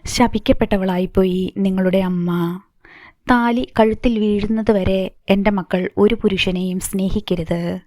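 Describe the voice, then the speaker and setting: A woman's voice: medium pitch, fairly even intonation, measured pace, a little mellow, no room sound, clean studio sound, close to an everyday voice. A woman voicing a grieving middle-aged mother who speaks in a tearful, pleading, solemn way.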